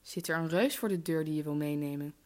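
Casting: woman voicing a calm, fatherly old storybook king. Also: low-pitched, fairly quick, lightly acted. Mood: gentle. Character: stern but gentle old king, a father.

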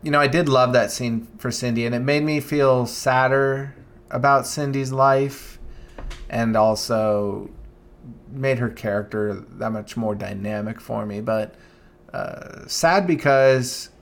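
A young man co-hosting a podcast in casual chat, thoughtful and earnest, often restarting and letting phrases trail off softly. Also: medium pitch, takes it slowly, creaky. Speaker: podcast co-host.

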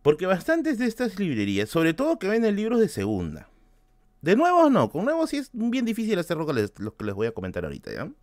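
A man with a Peruvian Spanish accent, hosting a book channel and telling a story in casual talk, switching between loud bursts and hushed asides and swearing freely. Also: sits high, huge pitch swings, quick pace, hardly any pauses, no room sound. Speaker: book-collecting channel host.

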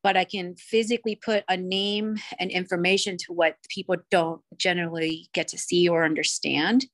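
A woman's voice: on the low side, fairly even intonation, moderate pace. Young woman from cuba chatting on a podcast, bubbly, rambly, lots of fillers. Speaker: podcast guest. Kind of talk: casual chat.

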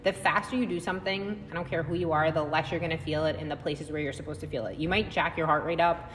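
A woman's voice: fairly even intonation, quick pace. A woman who coaches fitness, co-hosting a casual podcast recorded in a gym. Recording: echoing gym, long reverb, faint rumbling noise.

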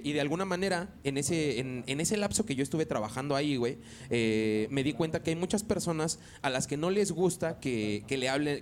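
A man from northern Mexico, host of a casual podcast chat, who talks loudly and peppers every phrase with crude slang. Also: a little high, slight background noise. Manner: crude slang-heavy, says güey constantly; talks loud by habit.

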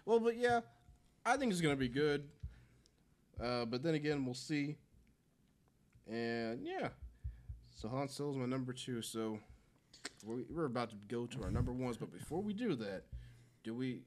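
Male podcast co-host, lively pitch, casual restarts, frequent laughs. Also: normal speed, long pauses. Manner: laughs often, talks in loose restarts. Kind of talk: casual chat.

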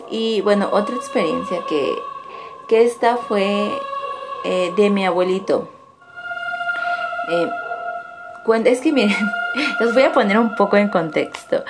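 A young woman, telling a personal paranormal story in a casual, rambling way full of restarts and asides. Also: medium pitch. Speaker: caller sharing a paranormal story.

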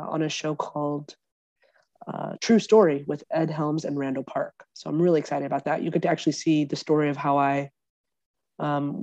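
A woman from Egypt talks as a podcast guest, lively and joking, with plenty of ums and likes. Her voice sits low and mellow. The recording is dry and a little dull. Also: no room sound. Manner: animated, joking, with frequent fillers. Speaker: podcast guest, lawyer and comedian. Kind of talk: casual conversational interview.

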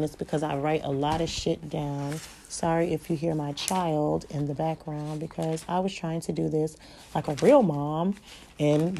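A woman hosting a solo podcast from home, talking fast and rambling, swearing often and correcting herself as she goes. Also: fairly low pitch, darkish tone. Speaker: podcast host. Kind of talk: solo spiritual podcast monologue. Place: home at night, child asleep nearby.

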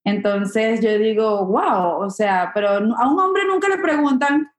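A young woman comedian chatting casually in an interview, animated and full of filler words. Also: fairly high pitch, measured pace, reverberant.

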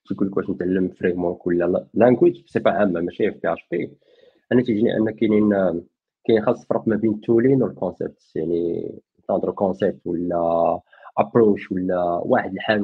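A man's voice: lowish voice, creaky, breathy edge. A man with a Moroccan accent hosting and explaining in a casual discussion, through a dull lo-fi microphone.

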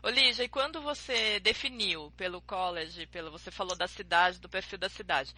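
A woman's voice: lowish voice, normal speed, pushed and bright, husky. A woman hosting a podcast interview, asking long, rambling, friendly questions full of restarts. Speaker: podcast host, exchange agency consultant. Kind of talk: casual interview chat.

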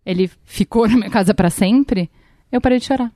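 A Brazilian woman in her thirties with a slightly high voice tells a long personal story. She talks casually and rambles through fillers and restarts. The sound is dry and close, with no room around it. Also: brisk, mellow, no room sound. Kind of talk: casual chat.

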